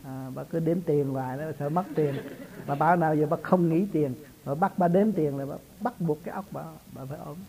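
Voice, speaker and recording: A man speaking as a spiritual teacher, his voice sitting a little high. He talks in a loose, folksy way, telling homely stories and breaking into laughs as he goes. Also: brisk, creaky, warm tone, low-quality recording. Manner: chatty, laughs often, folksy storytelling. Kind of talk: casual religious talk.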